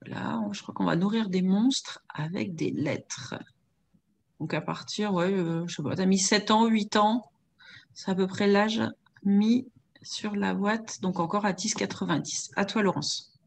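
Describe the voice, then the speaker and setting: A woman's voice: mid-range voice, a little slow, creaky. A woman moderating an online webinar, relaying audience questions and handing over to her co-presenters on a video call.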